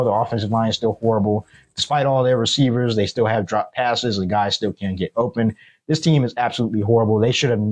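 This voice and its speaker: A man's voice: mid-range voice, darkish tone, low-quality recording. A man hosting a solo sports recap, giving blunt, critical commentary. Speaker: sports video host.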